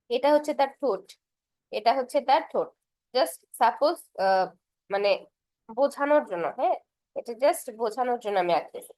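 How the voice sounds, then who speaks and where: A woman's voice: a little high, a little mellow, no room sound. Patient young woman tutor, dry close sound. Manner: patient, repeats terms, drawing while explaining. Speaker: tutor for university admission exams. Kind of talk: casual spoken lesson.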